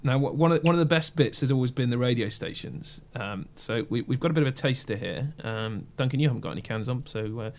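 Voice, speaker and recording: A man hosting a radio show in a studio, easygoing and quick to laugh. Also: mid-range voice, expressive. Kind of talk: casual studio chat. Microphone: studio microphone.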